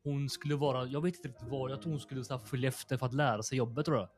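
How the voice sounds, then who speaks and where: A man's voice: medium pitch, fairly even intonation, soft background music. Young man from telling a story. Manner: rambling, slangy, lots of fillers. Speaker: podcast host. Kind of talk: casual podcast storytelling.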